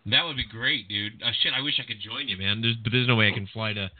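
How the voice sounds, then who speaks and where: A man hosting a boxing podcast, talking in a rambling, animated way with lots of restarts and fillers, with a General American accent. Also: fairly low pitch, fast, a little hiss or hum. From California. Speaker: podcast host. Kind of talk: casual boxing podcast chat. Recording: tinny phone-like line, dry.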